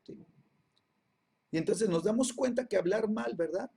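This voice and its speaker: A man with a high, mellow voice, a breathy edge and some vocal fry speaks at a normal speed. He teaches a Bible class, repeating phrases and checking in with his listeners after nearly every line with a constant "¿sí?" and "¿verdad?"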